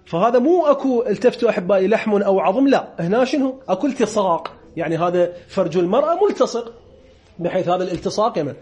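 A man with an Iraqi Arabic accent teaches religious law to a seminary class. He talks fast in a raised, bright register. He repeats definitions slowly and drops in light jokes. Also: high voice, lively intonation. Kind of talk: seminary lecture.

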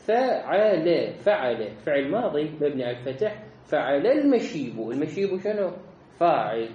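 A man's voice: a little high, darkish tone, dull audio. A man teaching grammar, parsing each word aloud and asking questions that he answers himself. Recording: echoey room with faint ambience.

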